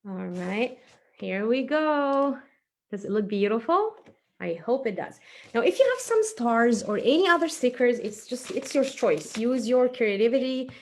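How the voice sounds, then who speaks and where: Her voice sits a little high and is expressive, and she keeps a measured pace. She presents a kids' craft chattily and warmly, talking herself through every stage while her hands do the work, and small clicks and faint noise linger in the background.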